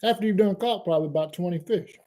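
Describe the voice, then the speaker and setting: A man, hosting a fishing channel and telling a lively fishing story in casual chat. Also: sits high, fast. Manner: animated storyteller, Southern y'all, laughs at own jokes.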